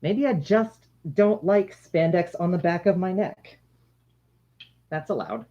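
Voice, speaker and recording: A livestream host with a mid-pitched voice, captured in slightly dull, lo-fi audio. The delivery is casual and explanatory, like someone walking viewers through a handmade product. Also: lively intonation, a little slow, a little hiss or hum. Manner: conversational, explanatory, addressing viewers. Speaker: livestream host demonstrating handmade face masks. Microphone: shared microphone, sometimes turned away from it.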